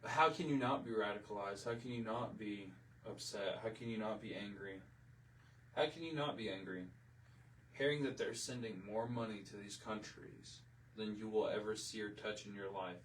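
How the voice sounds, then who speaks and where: A man's voice: lowish voice, moderate pace, far from the mic, a little hiss or hum, low-quality recording. A man hosting a livestream, delivering a heated, emotional rant, repeating himself and swearing. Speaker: livestream host. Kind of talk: impassioned political livestream rant.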